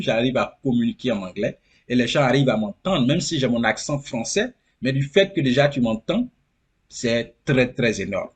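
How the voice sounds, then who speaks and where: Man, husky voice, earnest guest who repeats himself for emphasis. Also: medium pitch, a little mellow. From Côte d'Ivoire. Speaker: interview guest. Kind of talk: casual interview.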